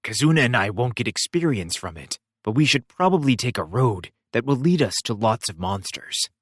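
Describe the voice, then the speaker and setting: Male first-person narrator, wry and expressive; animated delivery, dry. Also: mid-range voice, moderate pace, dry recording. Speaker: audiobook reader.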